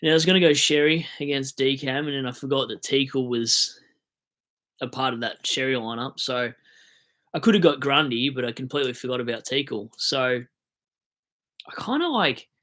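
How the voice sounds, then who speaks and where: A man's voice: mid-range voice, fairly even intonation, brisk, sharp tone. An Australian man hosting a fantasy football livestream, chatting casually, swearing and mock-ranting about his team.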